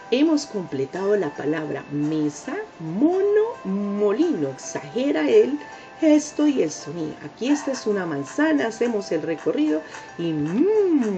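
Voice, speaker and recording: A woman teaching young children letter sounds, drawing out each syllable, praising often and coaxing them to repeat. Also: mid-range voice. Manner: drawn-out sounds, sing-song praise, coaxing repetition. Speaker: preschool teacher. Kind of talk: slow, exaggerated phonics lesson for young children. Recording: dull lo-fi home recording with soft music.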